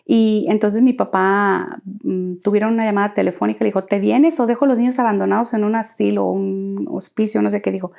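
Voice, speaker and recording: A woman's voice: mid-range voice, steady tone, a little fast, gravelly, hardly any pauses, darkish tone. A woman recounting her life story as an interview guest, earnestly acting out quoted dialogue.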